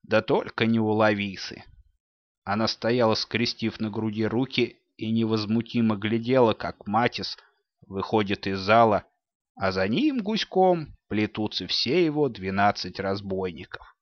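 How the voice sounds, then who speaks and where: A man narrating a storybook with expressive storytelling in a dull, dry recording. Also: lowish voice, unhurried, no echo. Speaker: audiobook narrator. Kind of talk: scripted narration.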